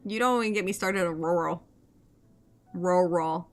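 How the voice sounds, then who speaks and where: A woman's voice: medium pitch, quick pace, soft background music. A woman with a Southern US accent, reading game dialogue aloud and chatting playfully, giggling and swearing as she trips over words. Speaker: game streamer. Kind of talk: casual gameplay commentary and reading dialogue aloud.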